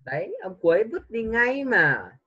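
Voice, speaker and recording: A man's voice: high-pitched, big pitch swings, unhurried, sharp tone, husky, muffled recording. A tired man tutoring English over a video call, repeating words and correcting pronunciation with teasing remarks. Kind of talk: online one-on-one lesson.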